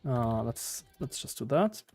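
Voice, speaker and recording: A man's voice: mid-range voice, sing-song, slow, a little mellow, dry recording, faint music behind. A man with a German accent doing casual live coding commentary, hesitantly thinking aloud in fragments. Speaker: live-streaming programmer.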